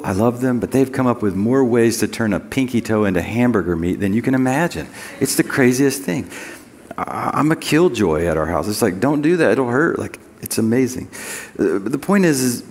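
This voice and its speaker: A man preaching a sermon as pastor, conversational with joking asides, and reading scripture slowly and deliberately. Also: lowish voice, animated, darkish tone, in a large hall.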